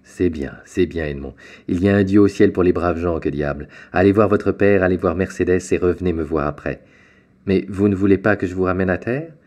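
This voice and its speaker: A man's voice: deep voice, fairly quick, a little mellow, lightly acted. A man voicing a jovial, fatherly middle-aged shipowner in an audiobook, hearty and kindly. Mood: paternal. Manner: hearty, paternal.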